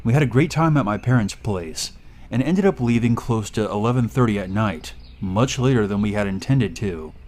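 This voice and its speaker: A man reading a first-person horror story aloud in a steady, measured way. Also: lowish voice, slight background noise. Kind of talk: scripted horror story narration.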